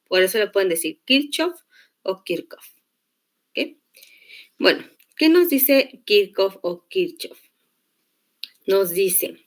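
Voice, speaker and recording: A woman teacher giving a lecture, explaining step by step and checking in with her students. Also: mid-range voice. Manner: slow, patient explaining with check-in questions. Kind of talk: online class lecture on electric circuits.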